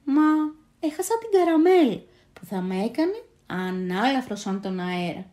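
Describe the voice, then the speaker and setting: A woman's voice: mid-range voice, animated, mellow, reverberant, natural voice. A woman voicing a small, eager young male moon-coverer in a storybook tale, who talks earnestly and cries out with all his strength. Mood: worried pleading.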